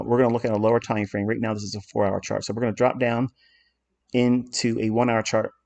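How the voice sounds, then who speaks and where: A man's voice: mid-range voice, creaky, dark tone. A man walking through trading charts in a lesson, blunt and self-assured as he explains what he authored. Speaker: trading educator.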